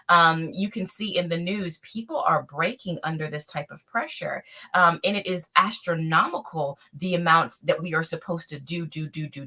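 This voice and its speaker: A woman in her thirties talks in an earnest, explanatory way on a discussion panel, pausing often on "um". Her voice sits a little low for a woman but comes across bright and forceful. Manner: earnest, explanatory, frequent fillers. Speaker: panel guest, nurse.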